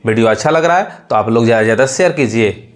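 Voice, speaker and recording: A man's voice: medium pitch, lively intonation, fast. A man teaching English pronunciation, who explains step by step and asks and answers his own questions. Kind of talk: pronunciation lesson.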